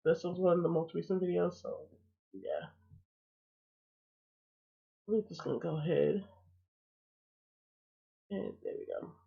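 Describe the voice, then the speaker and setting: Woman reaction streamer, cold-stuffed and gravelly, blunt chat, lo-fi phone-line sound. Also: fairly low pitch, very animated, unhurried, long pauses. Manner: blunt, chatty and fired up.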